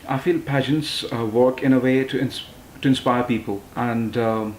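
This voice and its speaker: A man's voice: mid-range voice, fairly even intonation, normal speed, echoey room, a little hiss or hum, rough recording. A man in his twenties from London, a pageant titleholder and model, answering interview questions hesitantly with many fillers and restarts. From London, England. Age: 20s.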